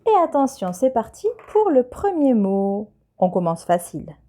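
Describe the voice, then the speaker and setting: A woman teacher, giving a patient, clear dictation lesson to young children and spelling letters one by one. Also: a little high, sing-song, measured pace, mellow. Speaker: primary school teacher.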